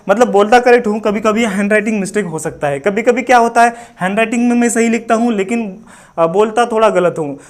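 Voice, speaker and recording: An Indian man teaching a physics lesson, mixing English into Hindi and asking questions that he answers himself. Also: high voice. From Maharashtra, India. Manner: addresses students as friends, mixes English into Hindi, asks and answers himself.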